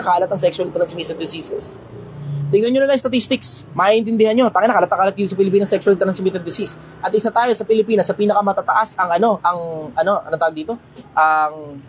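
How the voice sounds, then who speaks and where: A man hosting a casual livestream Q&A, talking bluntly, swearing casually and getting loud when he makes a point. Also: sits high, a little hiss or hum, rough recording. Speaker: livestream host answering questions.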